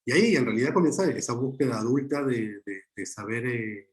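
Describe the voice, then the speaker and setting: A middle-aged man, a filmmaker and guest, talks reflectively in an interview, pausing often and restarting his phrases. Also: medium pitch, lively intonation. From Chile. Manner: halting, many restarts and fillers.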